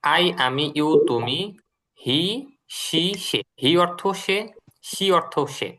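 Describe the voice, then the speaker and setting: A man's voice: fairly high pitch, very slow, bright, forceful tone, poor audio. A man teaching an online English class, explaining patiently and repeating drills for students.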